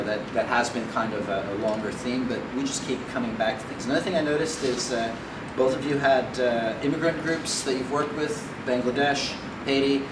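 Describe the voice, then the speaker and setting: Man, halting moderator, mid-pitched voice, distant mic, roomy hall, loud background noise. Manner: halting, many fillers and restarts. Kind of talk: hesitant panel moderating. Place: meeting room at a conference.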